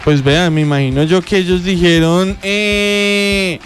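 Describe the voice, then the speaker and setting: A Colombian man with a clearly high-pitched voice banters casually as a radio co-host. Faint music plays behind him. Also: fairly even intonation, unhurried.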